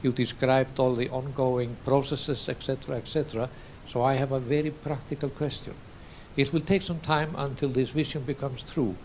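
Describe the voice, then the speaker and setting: A man's voice: medium pitch, level tone, a little mellow, slight background noise. Man from Iceland asking a question at a conference. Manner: measured, with hesitations. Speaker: association president asking a question. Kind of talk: formal question from the floor. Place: conference room.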